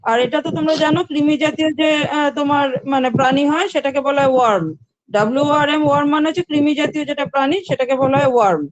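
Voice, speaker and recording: High-voiced woman teaching pronunciation. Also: fast, no room sound, low-quality recording. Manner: patient, repeats words and spells them out. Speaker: English teacher. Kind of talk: online class.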